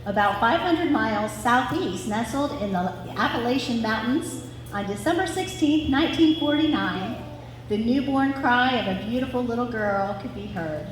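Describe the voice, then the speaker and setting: At a family gathering in a large reverberant room, a woman reads a scripted family story aloud to a live audience. Her voice is a little high and expressive, at normal speed. The hall is very echoey, with clear background noise.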